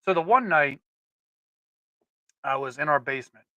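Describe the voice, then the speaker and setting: A man's voice: on the high side, expressive, normal speed, sharp tone, no room sound, dull audio. A man co-hosting a casual podcast chat, telling rambling stories with frequent restarts. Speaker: podcast co-host.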